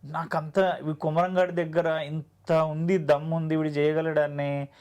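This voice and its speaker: A man's voice: fairly high pitch, little pitch movement, a little slow, darkish tone, clean tone. A man with a Telangana Telugu accent, an actor guest telling his story in an earnest, heartfelt, plainspoken way. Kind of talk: emotional storytelling interview.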